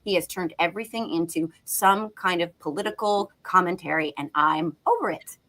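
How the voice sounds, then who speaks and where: Brief: fired-up American woman, bright edge, blunt and profane, caffeinated rant. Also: on the low side, normal speed, poor audio. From United States. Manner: animated, ranting, blunt with profanity. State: riled up on caffeine. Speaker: podcast co-host. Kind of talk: casual political chat.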